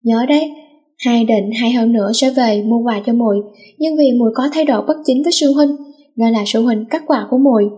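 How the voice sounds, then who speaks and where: A woman's voice: on the high side, a little fast, mellow, natural voice. A woman voicing a young man who teases and threatens his little sister in a read-aloud story. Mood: threatening. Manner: mock-threatening. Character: teasing older brother, young man, threatening.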